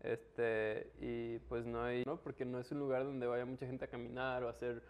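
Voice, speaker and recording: A man's voice: medium pitch, level tone, normal speed, clear, resonant tone. Mexican man chatting in casual slang. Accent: Mexican Spanish. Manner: colloquial, slangy, explanatory. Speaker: interview guest, local trail biker. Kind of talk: casual conversation.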